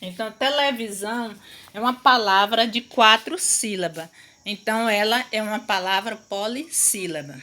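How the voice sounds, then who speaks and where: A woman's voice: mid-range voice, pushed and bright. A woman teacher giving a recorded lesson to young pupils, explaining patiently and often checking that they follow. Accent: Brazilian Portuguese. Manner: slow, patient explaining with frequent "não é isso?" checks. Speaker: primary school teacher.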